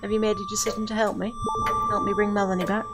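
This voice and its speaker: In an amateur audio drama, a voice actor plays an earnest witch, grieving yet insistent, who mentors a novice with solemn, measured, formal explanations. Her medium-pitched voice is flat and close to everyday speech, set against loud music.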